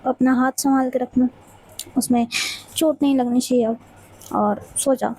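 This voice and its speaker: A woman's voice: sits high, steady tone, moderate pace, warm tone, no echo, poor audio. A woman voicing a cold, bossy young woman who talks in curt, sarcastic commands.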